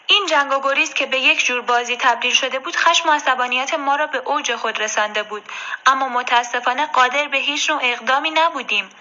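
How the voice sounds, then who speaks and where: A woman reading an adventure story aloud in a steady, measured way. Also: high voice. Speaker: audiobook reader. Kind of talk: scripted storybook narration. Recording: dull lo-fi recording.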